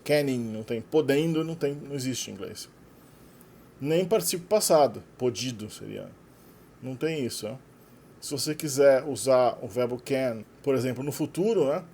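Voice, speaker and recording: A man's voice: mid-range voice, lively intonation, moderate pace, warm tone, a little hiss or hum. A Brazilian man whose first language is Portuguese, patiently explaining English verb forms in a lesson. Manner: patient, explanatory, reading out example verbs. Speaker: English teacher.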